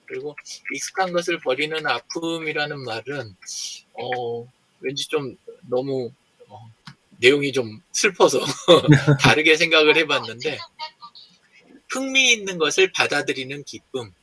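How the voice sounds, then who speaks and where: Man, bright husky voice, reflective and unhurried, pauses to think, video call. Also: medium pitch. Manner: reflective, laughs softly, thinks aloud with pauses. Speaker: member of an online reading group. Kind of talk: casual group discussion.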